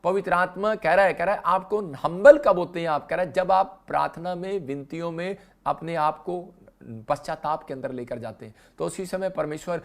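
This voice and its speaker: A man's voice: a little high, normal speed, creaky. A male pastor preaching a sermon in an emphatic, repetitive style. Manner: repeats "he is saying", emphatic preaching rising to exhortation.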